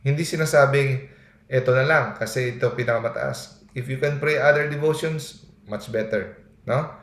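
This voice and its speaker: A man's voice: medium pitch, moderate pace, fairly bright tone. A man giving an earnest sermon in mixed Tagalog and English, often tagging his points with a questioning "no?". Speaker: preacher. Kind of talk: Taglish sermon. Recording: echoey room.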